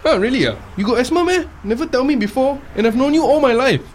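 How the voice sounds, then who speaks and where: A man's voice: extremely high pitch, animated, fast talker, a little hiss or hum. A man with a Singlish accent from Singapore playing an exasperated, sceptical passenger friend in a comedy sketch. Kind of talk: comedy podcast sketch acting.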